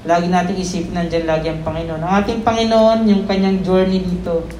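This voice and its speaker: A preacher talks through a Sunday message in a relaxed, conversational way, ending nearly every phrase with a little check-in question to the listeners. They stumble now and then, correct themselves and laugh it off. The voice rings through a reverberant room over a faint hum of background noise. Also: medium pitch, fairly quick. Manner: stumbles, self-corrects and laughs at own slips; mixes English words into the talk.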